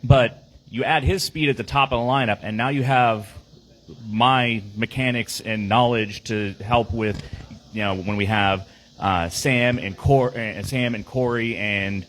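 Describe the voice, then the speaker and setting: Speaking as a team player on a laid-back podcast, this man recaps the game in a rambling way, restarting often and leaning on fillers. His medium-pitched voice is a bit bright, fairly even in intonation, and a little slow. There's slight background noise and the audio is low quality.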